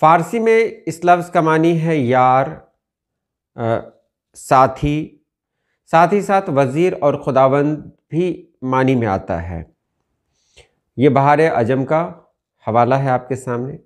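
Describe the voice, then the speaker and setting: Here a male Urdu teacher from India, slightly high-voiced with lively intonation, talks through dictionary definitions of words. He stays unhurried and deliberate, repeating key terms.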